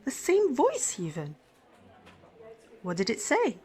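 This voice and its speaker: In an intimate, one-sided ASMR roleplay, a woman acts as a smitten, caring ER doctor treating a crash patient. Her slightly high, darkish voice takes it slowly, exaggerated with huge pitch swings, while she stays shy, affectionate, tender and soothing, flustered and dropping into breathy whispers.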